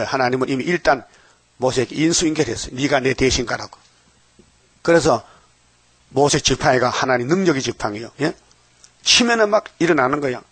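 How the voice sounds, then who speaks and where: A man's voice: medium pitch, fairly bright tone, dry recording. An older man preaching a dawn sermon, often asking the congregation questions and acting out voices from the story. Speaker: pastor. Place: church sanctuary.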